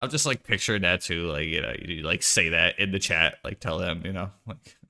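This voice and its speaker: A very deep-voiced man from the United States chatting easily on a game stream, his tone bright and forceful despite the low pitch. He talks in a laid-back way, full of fillers. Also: brisk, creaky. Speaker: streamer co-host. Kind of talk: casual chat while gaming.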